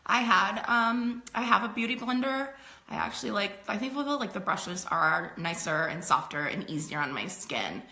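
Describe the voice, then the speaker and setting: A woman's voice: mid-range voice, lively intonation, moderate pace, creaky, sharp tone. A middle-aged woman hosting a live makeup sale, chatting casually and laughing often. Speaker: host selling makeup. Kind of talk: casual live-stream chat. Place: home room. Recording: echoey room.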